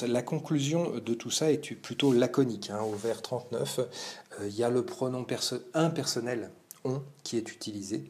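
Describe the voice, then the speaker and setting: A man's voice: medium pitch, a little mellow. Hesitant man explaining a poem. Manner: hesitant, many fillers and verbal tics. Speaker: literature teacher. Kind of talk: spoken text commentary lesson.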